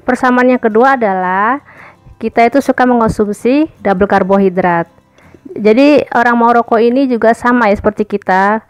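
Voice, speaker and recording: A woman from Indonesia chatting casually to camera as a vlogger, addressing viewers as guys and filling pauses with little hesitations. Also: fairly high pitch, clear, resonant tone, soft background music. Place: home in Morocco.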